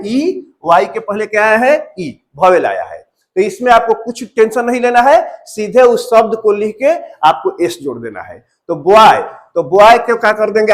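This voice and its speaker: High-voiced male teacher explaining step by step. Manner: repetitive, asks questions and answers them himself. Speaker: English grammar teacher. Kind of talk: classroom-style grammar lesson.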